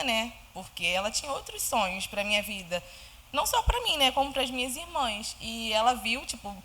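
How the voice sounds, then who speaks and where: High-voiced young woman giving testimony. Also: sharp tone. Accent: Brazilian Portuguese. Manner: heartfelt, conversational, frequent tag questions. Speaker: church member giving testimony. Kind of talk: personal testimony.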